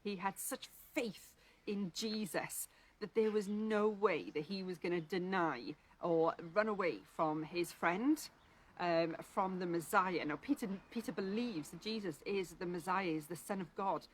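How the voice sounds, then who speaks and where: A woman's voice: on the low side, unhurried. A woman leading a church Bible reading, talking in a chatty, informal way with lots of ums and restarts. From Wales. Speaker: church leader reading scripture. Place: church live stream.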